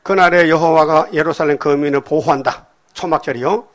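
Emphatic Korean preacher prodding his flock. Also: fairly quick. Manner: swings between loud emphatic outbursts and low murmured remarks. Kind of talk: sermon. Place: church hall with congregation.

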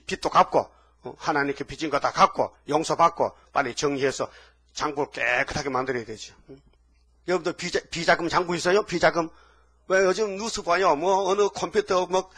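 A man's voice: a little high, a bit bright, breathy edge. A male pastor preaching a fervent sermon, scolding and firing rhetorical questions at the congregation.

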